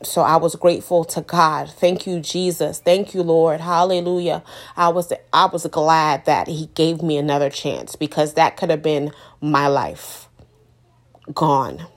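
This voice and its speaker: A woman's voice: low-pitched, measured pace. A woman in her thirties earnestly tells a personal story to her viewers, repeating key phrases for emphasis. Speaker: mother sharing her story. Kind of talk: personal testimony to camera.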